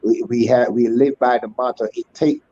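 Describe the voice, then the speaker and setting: A man's voice: medium pitch, steady tone, moderate pace, dark tone, dry recording, dull audio. A man in his sixties, a school alumnus speaking as a guest on an online panel, with ornate, churchly phrasing and many fillers and restarts. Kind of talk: formal online panel talk.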